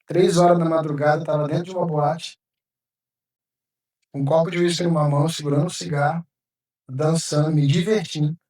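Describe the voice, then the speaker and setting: A man's voice: a little high, steady tone, fairly quick, long pauses, a little mellow. Male pastor, heartfelt storyteller, recorded from a distance in a live room. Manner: emotional, vivid storytelling, acting out his own past words. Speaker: pastor, podcast guest. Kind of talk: personal testimony in a podcast interview. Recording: roomy sound, mic at a distance.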